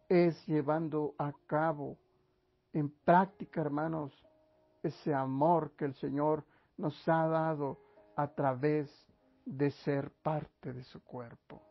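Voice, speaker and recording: A pastor from Mexico preaching a sermon in a church, slow and emphatic, often calling listeners brothers. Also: male voice, on the high side, muffled recording.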